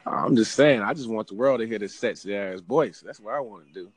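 A man with a somewhat low voice chats in a laid-back, teasing way. His talk is loose and slangy, like banter on a call. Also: fairly quick, breathy edge, faint music behind. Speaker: radio-style host. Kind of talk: casual phone call banter.

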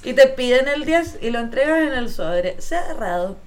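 A woman's voice: high voice, normal speed. A woman with a Chilean accent telling stories in a casual chat, full of slang and laughter. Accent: Chilean Spanish. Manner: laughing, animated storytelling with slang. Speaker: podcast co-host.

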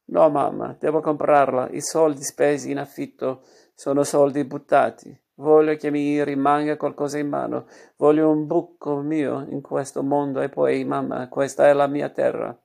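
A young woman around thirty, read by a man, insists to her mother in a firm, raised voice. There is a gravelly texture and a slightly lifted pitch. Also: little pitch movement, moderate pace, darkish tone. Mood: determined.

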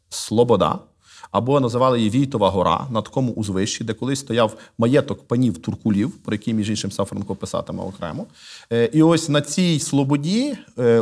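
A male literary scholar answers interview questions in a measured, lecturing manner. He often pauses on "uh" as he picks his words, with a plain mid-range voice. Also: medium pitch, a little mellow. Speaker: guest, literary scholar and museum director. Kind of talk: thoughtful explanatory interview talk.

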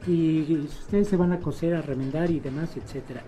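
Mellow-voiced man telling stories. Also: a little high, fairly quick, soft background music. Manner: animated storyteller, quotes family in lively voices. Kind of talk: casual conversation.

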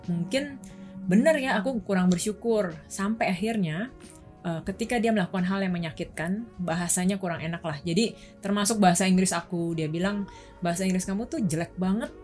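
A woman's voice: medium pitch, moderate pace, darkish tone, faint music behind. A young adult woman from Indonesia, a guest on a chat show, telling candid personal stories in a casual way.

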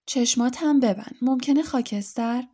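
A woman's voice: high-pitched, dark tone, husky. A woman reading aloud, voicing a doting, anxious middle-aged witch and mother who fusses and bosses. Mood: fussing, worried.

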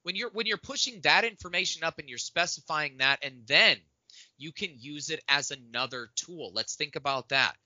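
Bright excitable man, dry close mic. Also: a little high, moderate pace, no room sound. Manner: excitable, loose, laughing. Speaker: podcast co-host. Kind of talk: casual tech chat.

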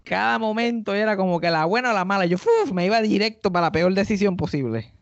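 A Puerto Rican man tells a comic story on a podcast, slipping into others' voices as he goes. His voice is gravelly and pitched a bit high. The sound is dry and a little dull. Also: fast, no room sound. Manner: animated, acts out quoted people in high voices. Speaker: podcast host and stand-up comedian.

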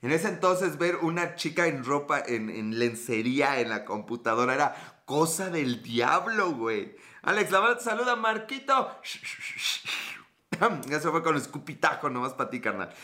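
Bright-voiced joking Mexican man. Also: medium pitch, expressive, unhurried. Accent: Mexican Spanish. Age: 30s. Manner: joking, profane, reads out chat comments. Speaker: live-stream host. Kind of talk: casual live-stream chat.

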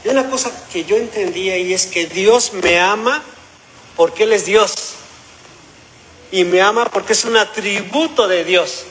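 A man's voice: high voice, fairly bright tone, a little hiss or hum, poor audio. A man giving a sermon as pastor, telling a personal story and acting out the voices in it. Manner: storytelling, acts out quoted voices.

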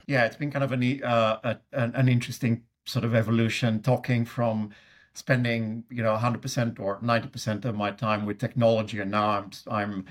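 Fairly quick and flat in delivery, this mid-range male voice belongs to a middle-aged Swede with a Swedish accent. As an interview guest in a conversational chat, he answers hesitantly with lots of fillers and restarts.

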